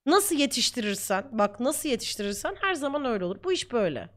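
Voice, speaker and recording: A woman's voice: on the high side, very animated, fast talker. A young woman streamer talking casually to her viewers, heated and ranting at times. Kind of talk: casual chat.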